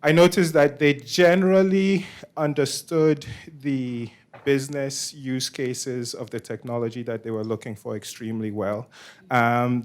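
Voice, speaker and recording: A Nigerian man from West Africa hosts a meetup and presents informally. He explains haltingly, often repeating words and restarting phrases, in a medium-pitched, slightly mellow, smooth voice.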